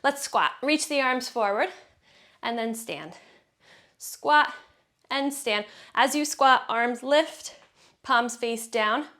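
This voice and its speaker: A fitness instructor guides a workout, counting reps and cueing breaths encouragingly while exercising along, so she's a little out of breath. Her voice is on the high side, bright and forceful, and she speaks slowly with frequent pauses.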